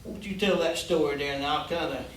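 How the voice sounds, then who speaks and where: A man's voice: fairly high pitch, fairly quick. A man hosting in a folksy, easygoing way, talking casually with plenty of hesitant fillers. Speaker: host. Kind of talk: casual talk and storytelling. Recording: echoey room, distant mic, faint hiss.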